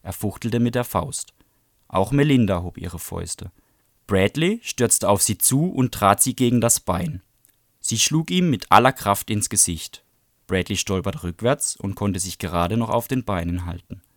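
Male book presenter, low voice, dry close sound, measured read-aloud. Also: lively intonation, no room sound.

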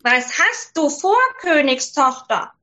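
A woman's voice: sits high, expressive, slow pace, sharp tone, exaggerated voice. A woman voicing a male frog who bargains with a princess in a read-aloud fairy tale. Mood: coaxing.

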